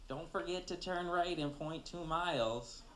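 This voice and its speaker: Man putting on a guilt-tripping granny navigation voice, higher, fretful. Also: a little slow, fairly bright tone, echoey room, slight background noise, low-quality recording. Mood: worried. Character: nagging navigation-device voice, a stereotyped worrying old grandmother.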